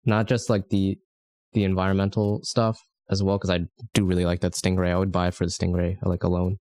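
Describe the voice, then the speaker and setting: A man's voice: low-pitched, completely flat delivery, brisk, a little mellow. A man co-hosting a podcast, chatting in an easygoing, enthusiastic way. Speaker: podcast co-host. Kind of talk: casual podcast chat.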